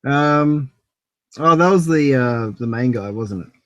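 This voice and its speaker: A man's voice: medium pitch, animated, measured pace, dry recording, dull audio. A man, co-hosting a casual film review, easygoing and hesitant with frequent restarts. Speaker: film review podcast co-host.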